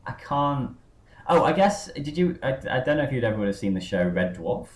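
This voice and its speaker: A man's voice: medium pitch, very animated, brisk. A man hosting a podcast, rambling through a casual chat with lots of fillers and tangents. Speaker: podcast host. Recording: roomy echo.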